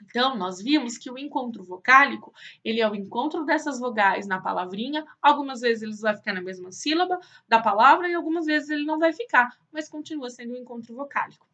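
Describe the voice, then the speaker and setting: Bright sing-song woman teaching small kids. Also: fairly high pitch, expressive, lo-fi sound. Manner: sing-song, drawn-out, answers her own questions for the kids. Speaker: primary school teacher. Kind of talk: online lesson for young children.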